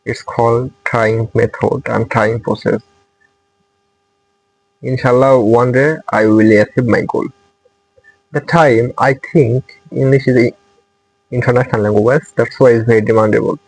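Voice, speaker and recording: Hosting his English-learning channel, a young man from Bangladesh, a native Bengali speaker, earnestly motivates his viewers in accented, non-native English that repeats itself. He speaks at a measured pace with frequent pauses, in a slightly rough mid-range voice with fairly even intonation, and the recording is rough.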